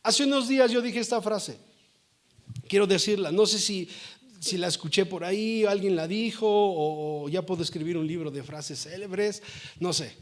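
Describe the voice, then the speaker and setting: A male pastor delivers a lively sermon in church. His voice sits high for a man, and he keeps turning to the congregation for amens and agreement. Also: moderate pace.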